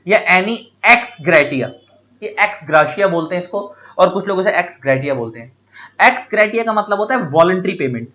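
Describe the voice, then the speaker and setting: A man's voice: sits high, sing-song, moderate pace, pushed and bright. A man teaching law, explaining terms through everyday examples and often repeating the main point. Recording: dull lo-fi audio.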